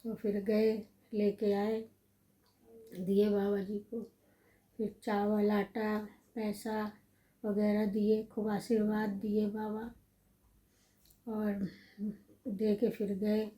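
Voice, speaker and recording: A middle-aged woman casually telling a personal family story, in a gentle, reminiscing way with repetitive lists. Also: mid-range voice, completely flat delivery, drawn-out words, long pauses, low-quality recording. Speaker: vlogger recalling her family life.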